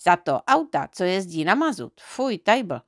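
A woman's voice: on the low side, very animated, no room sound, clean studio sound. A woman voicing a friendly, chatty male driver in a storybook reading, explaining things at length.

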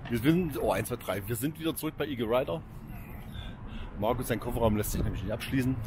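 A man's voice: medium pitch, quick pace. A man filming a casual travel vlog, talking and joking with his friends outdoors by a busy road. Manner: chatty, joking, laughs often. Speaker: vlogger filming a motorcycle road trip. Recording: loud outdoor traffic noise.

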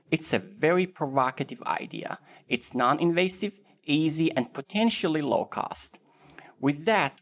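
A man co-hosts a science podcast, reading a scripted segment. His voice has a gravelly edge, and he speaks in a measured, read-aloud way. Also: fairly high pitch. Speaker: podcast co-host.

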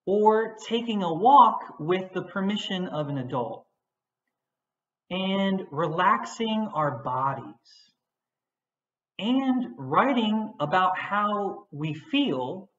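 A woman teacher giving a patient, gentle lesson on feelings for young children. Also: medium pitch. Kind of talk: children's social-emotional lesson. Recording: echoey, dull recording.

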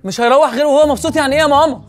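An actor with an Egyptian accent playing Youssef, a young, hot-tempered, jealous husband in a TV comedy. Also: male voice, very high voice, soft background music. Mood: worried. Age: young adult. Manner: loud and fast, shouting threats.

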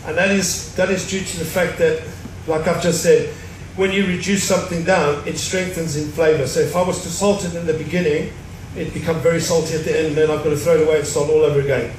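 A middle-aged cruise ship chef, his voice on the high side and level in tone, talks fast with hardly any pauses as he explains a recipe step by step, dropping dry jokes during a live cooking demo on the ship's show stage before an audience. The hall is echoey, the mic is distant, and there's noise.

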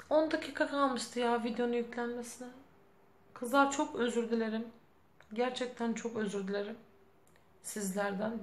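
Young woman vlogger, fed up and tearful, gravelly fry, echoey room. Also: fairly high pitch. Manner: frustrated, self-scolding, close to tears. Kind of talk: casual vlog talk to camera.

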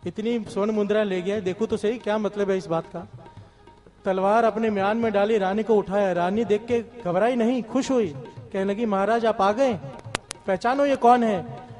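A man's voice: high voice, fairly even intonation, normal speed, darkish tone, faint music behind. A man giving a devotional sermon, telling a parable and calling on the congregation to respond. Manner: storytelling with call-and-response to the congregation. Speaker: satsang speaker. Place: temple hall with instrumental music.

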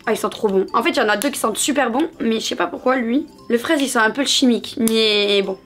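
A woman's voice: on the high side, fast, a bit bright, soft background music. A woman in her thirties chatting in a bubbly way through a shopping haul video, talking straight to her viewers. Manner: bubbly, chatty, calls viewers "mes amours". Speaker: haul vlogger. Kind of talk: casual haul video chat.

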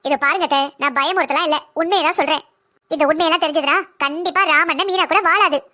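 A woman voicing a young, blunt and defiant daughter-in-law in a cartoon drama, speaking in a fast, lecturing way. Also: very high voice, pushed and bright.

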